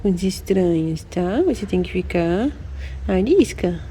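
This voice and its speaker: A woman talking to cats outdoors in cooing, high-pitched baby talk full of diminutives. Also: expressive, unhurried, dark tone, slight background noise. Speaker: vlogger with her cat.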